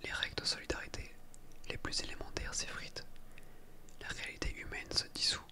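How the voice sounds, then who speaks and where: A person reading a book aloud for ASMR in a soft library whisper, sometimes stumbling over words and correcting themselves. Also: brisk. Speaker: ASMR reader.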